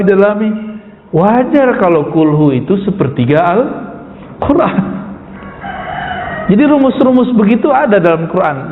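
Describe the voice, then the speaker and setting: A man giving a religious lecture to a congregation, lively, asking his listeners rhetorical questions. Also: sits high, slight background noise. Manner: animated, rhetorical questions to the audience. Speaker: preacher. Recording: echoey hall, tinny lo-fi sound.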